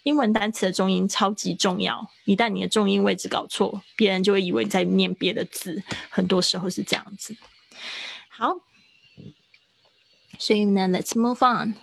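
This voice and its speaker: A woman in her thirties leads a chatty English livestream, explaining step by step and slowing down to enunciate words. Her medium-pitched voice is steady, husky, and fried at the edges, and there's no echo.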